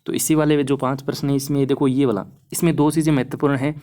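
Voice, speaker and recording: A young male exam-prep teacher walks students through phonetics examples at a steady clip. He keeps it casual and reassuring and often checks in with the class as he goes. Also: mid-range voice, rapid-fire. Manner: encouraging, repeats "है ना" often. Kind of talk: explaining lesson over slides.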